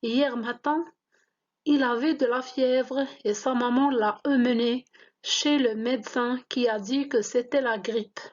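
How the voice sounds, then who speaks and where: Slow, deliberate woman teaching reading. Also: a little high, steady tone, darkish tone, dull audio. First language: Moroccan Arabic. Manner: spells out letters and syllables slowly, very deliberate. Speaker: French teacher. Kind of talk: slow classroom-style reading lesson.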